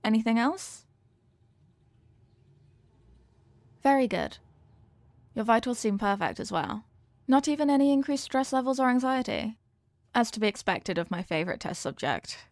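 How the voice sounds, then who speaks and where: In a scripted audio roleplay spoken to the listener, a woman plays an earnest young female scientist who is fond of the test subject she's addressing. Her slightly high voice is very animated at normal speed, her wording formal, precise and clinical, and her mood attentive. The sound is completely dry, with no echo or room tone.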